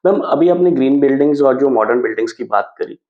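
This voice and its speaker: A man hosting an interview who listens attentively and asks measured questions. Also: mid-range voice, lively intonation. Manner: attentive, frequent short acknowledgements. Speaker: host. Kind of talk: interview conversation. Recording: roomy, dull lo-fi sound.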